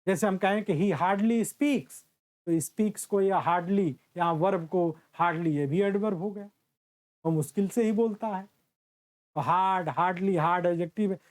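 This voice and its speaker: A male teacher giving a classroom grammar lecture at an unhurried, deliberate pace. He stretches out his example sentences word by word and speaks to his students fondly, as a teacher would to his children. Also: high-pitched.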